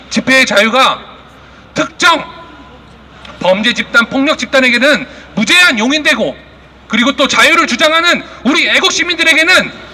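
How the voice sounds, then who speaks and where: A man giving a fiery, indignant protest speech as the moderator of a rally, accusing and throwing out rhetorical questions. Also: very high-pitched. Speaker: rally speaker and press conference moderator. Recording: loud public address with long reverb.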